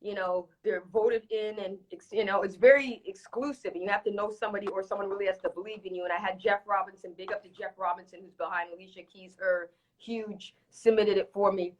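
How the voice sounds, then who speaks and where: A reggae dancehall singer from Toronto, Canada, speaks candidly as a guest in a casual live interview. Her mid-range voice is steady and brisk with hardly any pauses, and she is emphatic, often repeating phrases for emphasis. The audio quality is poor.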